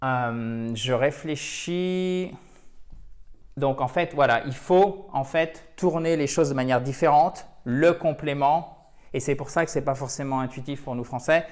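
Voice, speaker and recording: A man teaching English, correcting a viewer's email and drilling word stress out loud. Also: medium pitch. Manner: thinks aloud, repeats English words slowly to drill stress.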